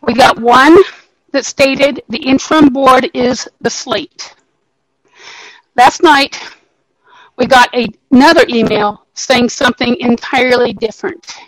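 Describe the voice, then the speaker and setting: A woman with a high, bright voice talks loudly, pressed close to a touchy microphone that crackles and distorts. The sound is dry and close, with no room around it. She speaks in a plain, casual meeting manner. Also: steady tone, a little slow, no room sound. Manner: loud, close to the mic. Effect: crackling, overloaded microphone. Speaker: meeting participant. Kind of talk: casual discussion in an online meeting. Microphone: very sensitive mic held too close.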